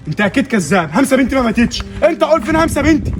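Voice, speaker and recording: A man's voice: a little high, rapid-fire, reverberant, music in the background, close to an everyday voice. A man playing a cruel, greedy Egyptian father. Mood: demanding. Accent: Egyptian Arabic. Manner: demanding, threatening.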